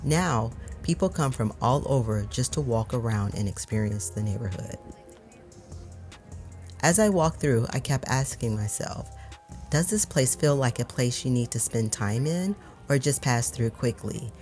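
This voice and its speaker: A calm, measured narrator reading a scripted travel walkthrough voice-over. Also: mid-range voice, faint music behind. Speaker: vlog narrator.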